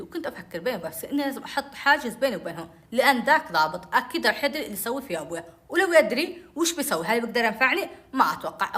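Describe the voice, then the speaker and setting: A woman telling a personal story, animated and acting out the dialogue. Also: a little high.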